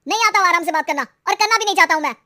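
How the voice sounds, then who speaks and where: A woman's voice: high-pitched, steady tone, fairly quick, no room sound, studio quality, natural voice. A woman voicing a short-tempered young husband in a cartoon story. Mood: angry. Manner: irritable, defensive.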